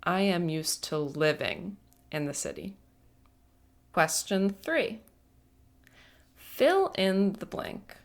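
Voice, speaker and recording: A woman teaching an English grammar lesson, speaking patiently and deliberately and stressing each word. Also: fairly low pitch, sing-song. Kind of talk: slow, careful grammar lesson.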